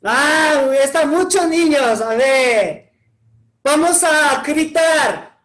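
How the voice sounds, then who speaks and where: Very high-voiced, slow-talking male pastor. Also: lively intonation, fairly bright tone, reverberant, a little hiss or hum, rough recording. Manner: slow, encouraging, calls on groups of children. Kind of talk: preaching to children with shouted call-and-response.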